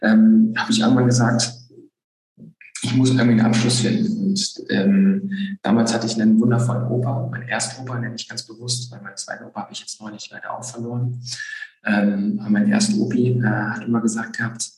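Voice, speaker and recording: Young guy, low-ish voice, earnest, lots of ums, telling his life story in an interview, echoey room. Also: little pitch movement, fairly quick, a little mellow. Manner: earnest, reflective, many fillers. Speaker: guest. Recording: roomy echo.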